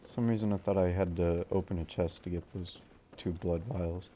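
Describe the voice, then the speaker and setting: A man's voice: low voice, fairly even intonation, moderate pace, mellow, slight background noise. A man giving casual let's play commentary as a gaming host, with slangy, jokey asides.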